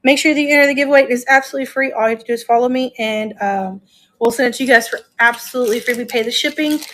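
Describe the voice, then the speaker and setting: A woman's voice: on the high side, racing, a bit bright. A woman hosting a casual live-stream auction, chatting enthusiastically and thinking aloud as she shows each item.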